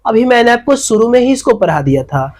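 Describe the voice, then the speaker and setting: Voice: medium pitch, big pitch swings, fairly quick, darkish tone, poor audio. A teacher gives an exam-focused grammar lesson beside a teaching board, asking questions and answering them while repeating key terms.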